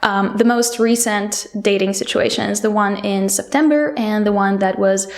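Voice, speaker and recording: A woman's voice: medium pitch, moderate pace, gravelly. Young female, Polish accent, candid casual diary monologue, mid-range voice, chatty delivery. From Poland. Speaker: language mentor and podcast host.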